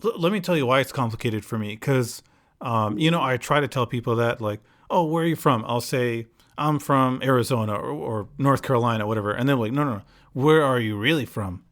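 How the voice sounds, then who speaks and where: A man's voice: medium pitch, fairly quick. A man with a slight foreign accent hosting a casual podcast chat, rambling and restarting his sentences. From United States. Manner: rambling, restarts often, animated retelling. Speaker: podcast host.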